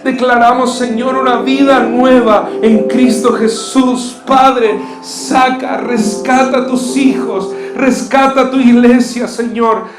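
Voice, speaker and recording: A male preacher, his voice pitched high and unhurried, closes his sermon by guiding his congregation through prayer. His words rise into fervent declarations, carried through a roomy, echoing church hall. Gentle guitar music plays underneath him. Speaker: pastor. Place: church stage. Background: soft guitar music.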